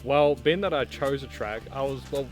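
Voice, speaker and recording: A man's voice: mid-range voice, normal speed, faint music behind. A young Australian man chatting casually to camera outdoors. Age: young adult. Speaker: novice off-road driver being interviewed. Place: outdoors on a forest track.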